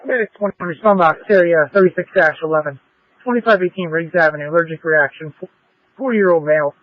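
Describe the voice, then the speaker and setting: A man's voice: on the high side, fast talker, lo-fi sound. A man reading out emergency dispatches over a two-way radio. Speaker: fire dispatcher.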